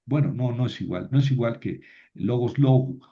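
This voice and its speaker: A man teaching a grammar class in a medium-pitched voice. He patiently repeats each word form aloud and poses questions to his listeners before answering them himself. The recording sounds a little dull and lo-fi. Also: moderate pace. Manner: patient, repeats declension forms aloud, asks rhetorical questions. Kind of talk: classroom lecture.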